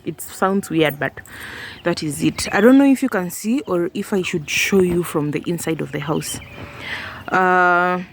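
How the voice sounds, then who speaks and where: A woman's voice: lowish voice, slight background noise. A woman vlogging casually from a house building site, rambling with fillers and talking around a candy in her mouth. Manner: chatty, rambling, with fillers and laughs. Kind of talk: casual vlog narration.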